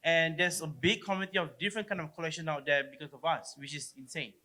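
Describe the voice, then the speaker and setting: Speaking quickly and forcefully, this man has a higher-than-average, steady, bright voice and a Singaporean accent. He's a platform co-founder on a conference panel, chatting casually, giving loose explanations and often ending with tacked-on questions.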